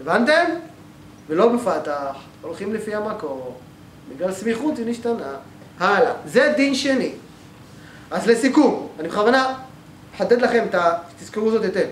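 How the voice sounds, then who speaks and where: A man's voice: high-pitched, expressive. A male teacher giving a grammar class in a synagogue hall, explaining step by step and often checking that the class follows. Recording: echoey room, faint background noise.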